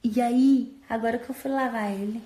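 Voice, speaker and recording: A woman's voice: on the high side, steady tone, moderate pace, mellow, a little hiss or hum. A woman chatting casually into her phone as an influencer, rambling and playful. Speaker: social media influencer. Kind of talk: casual phone stories chat. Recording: roomy echo.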